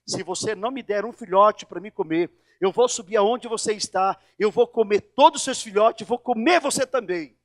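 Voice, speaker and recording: A pastor putting on a cunning female fox in a pulpit fable, pleading in a high, strained tone. She feigns injury to beg, and her voice reads dry and close. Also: normal speed, few pauses, no echo, close to an everyday voice. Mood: threatening. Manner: pleading, then threatening.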